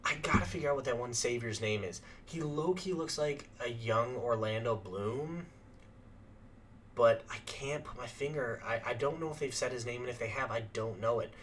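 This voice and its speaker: A young man hosting a reaction channel who chats casually and rambles with lots of fillers, clearing his throat as his voice starts to go. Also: medium pitch, normal speed, a bit bright, slight background noise. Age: young adult. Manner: rambling, filler-heavy chatter.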